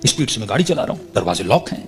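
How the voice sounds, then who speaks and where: A man's voice: on the low side, sing-song. A man preaching, telling a religious story as a sermon in a dramatic way, his voice swelling on the emotional peaks.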